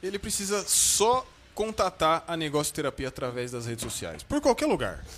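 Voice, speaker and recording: A man's voice: on the high side, big pitch swings, moderate pace, a bit bright, a little hiss or hum. A man, co-hosting a podcast with casual, slangy banter. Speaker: podcast co-host.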